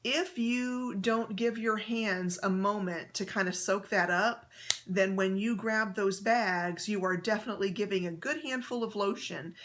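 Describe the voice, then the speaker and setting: A woman's voice: mid-range voice, measured pace, a bit bright. A woman hosting her own vlog, talking casually to camera in a chatty, friendly way, with many fillers and restarts as she explains things. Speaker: handbag vlogger. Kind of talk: casual how-to talk to camera.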